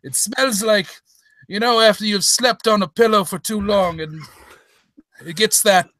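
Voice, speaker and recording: A man's voice: high voice, unhurried, fairly bright tone, dry recording. A man playing a fussy old doctor in a hammed-up radio play, stammering and rambling as he goes. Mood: flustered, fussy. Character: doddering, fussy old English doctor Watson reminiscing. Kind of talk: hammed-up old-time radio acting with comic ad-libs.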